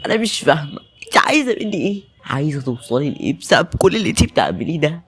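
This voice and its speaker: Tense Egyptian voice actor, lively pitch. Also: rapid-fire, husky. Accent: Egyptian Arabic. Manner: tense, emotional delivery with many voice changes. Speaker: voice actor in an audio drama. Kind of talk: dramatic audio-drama acting.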